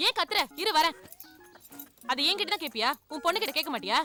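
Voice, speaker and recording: An actress playing a scolding village mother who snaps back quickly. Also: high-pitched, very animated, music in the background. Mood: arguing. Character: scolding village mother, sharp-tongued and busy. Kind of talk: Tamil film dialogue.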